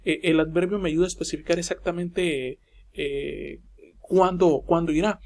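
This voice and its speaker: Patient high-voiced male teacher. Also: steady tone, moderate pace, darkish tone. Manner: patient, repetitive, many "eh" fillers. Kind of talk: recorded class explanation.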